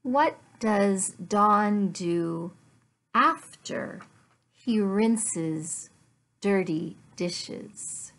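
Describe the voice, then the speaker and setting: A middle-aged woman teaching English from a small living room at home delivers a slow lesson for learners, enunciating word by word in short phrases with pauses. Her mid-range voice is creaky yet animated and fairly bright.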